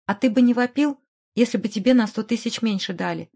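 A woman's voice: fairly high pitch, brisk, breathy edge. A woman voicing an irritable, indignant middle-aged man in an audiobook, speaking agitatedly. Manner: agitated, shouting, exasperated. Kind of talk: audiobook character voice.

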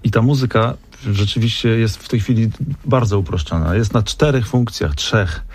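A man, a musician, speaking earnestly in a radio conversation, pausing with fillers as he thinks. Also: on the low side, a little hiss or hum.

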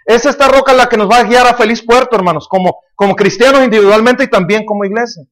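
A man's voice: very high voice, fast talker, a bit bright. A man preaching a sermon, emphatic and repetitive, often asking the congregation questions. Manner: emphatic, repeats words, asks the congregation questions. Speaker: pastor.

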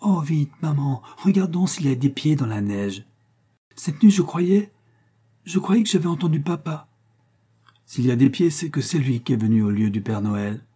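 An eager little boy chatters breathlessly in a raised, bright register, as a male storyteller puts him on. The voice keeps a husky, mellow grain underneath, as in a read-aloud storybook. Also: fairly high pitch, expressive, normal speed, voice pushed up. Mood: excited. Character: small excited boy on Christmas morning.

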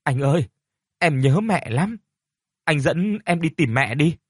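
A man's voice: on the high side, expressive, measured pace, slightly rough, no room sound, studio quality, voice pushed up. A man voicing a tearful little village boy who pleads in a whimper, in a storybook reading. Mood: pleading.

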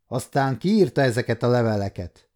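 A man's voice: mid-range voice, lively intonation, darkish tone, lightly acted. An adult man voicing a scheming, domineering nobleman who speaks in a commanding, mocking way. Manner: commanding, sneering.

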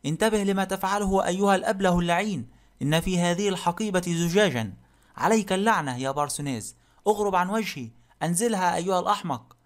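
A man voicing a burly, short-tempered middle-aged man who talks bluntly and gruffly in an audiobook. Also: on the high side, quick pace, lightly acted. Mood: angry shouting. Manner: gruff and blunt, barking insults. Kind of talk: audiobook character reading.

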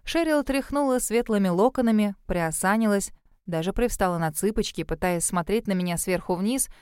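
A woman narrating a first-person audiobook in a wry, lively storytelling manner. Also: mid-range voice, normal speed, clean tone, dry recording, clean studio sound.

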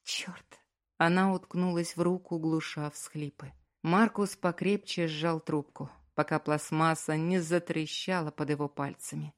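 A woman reads a dramatic novel aloud, her voice sitting slightly low and leaning expressively into each scene. It is scripted storytelling narration. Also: fairly even intonation, measured pace. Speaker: audiobook narrator.

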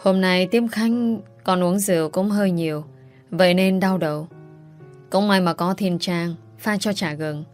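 A woman's voice: on the low side, steady tone, moderate pace, natural voice. A woman voicing a young man who speaks bitterly to his brother, with faint music behind. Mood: apologetic.

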